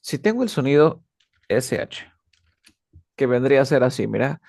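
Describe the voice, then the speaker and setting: Man, english teacher, gravelly voice, dry close sound, patient questioning. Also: medium pitch, big pitch swings, fast talker, darkish tone, no echo. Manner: patient, checks understanding with frequent questions. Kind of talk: casual one-on-one English lesson.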